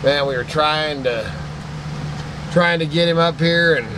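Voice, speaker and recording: The vlogger, an Idaho man in his forties who picks antiques, talks casually and sentimentally to his desk webcam while showing thrift finds in a cluttered indoor shop. He speaks a little slowly in a fairly high voice against a noisy background.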